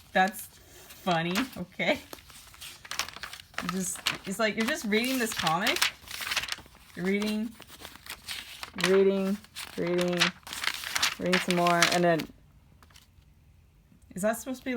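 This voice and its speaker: A woman's voice: medium pitch, background noise. A woman vlogger rambling casually while flipping through her old comics, with dry offhand asides. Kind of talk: casual vlog chat.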